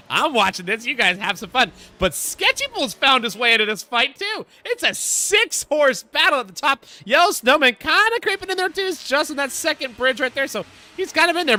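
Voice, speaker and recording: A man doing live play-by-play for an online racing league, shouting at close moves and straining his voice. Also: a little high. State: losing his voice. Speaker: sim racing league commentator. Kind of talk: excited live esports race commentary.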